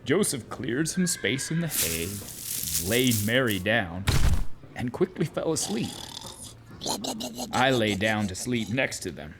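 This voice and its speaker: A man playing a weary, aggrieved donkey who tells his journey for a children's audio drama, with deliberate dramatic pauses. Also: mid-range voice, sing-song. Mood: weary storytelling. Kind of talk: first-person children's audio drama narration. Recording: noisy, with animal and cricket ambience.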